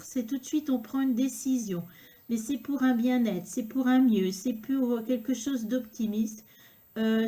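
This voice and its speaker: A woman reading tarot cards to the viewer, talking unhurriedly and filling pauses with hein and euh. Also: fairly high pitch, dark tone. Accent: regional accent, unnamed. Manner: unhurried, filler-heavy talk with frequent "hein" and "euh". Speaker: tarot card reader.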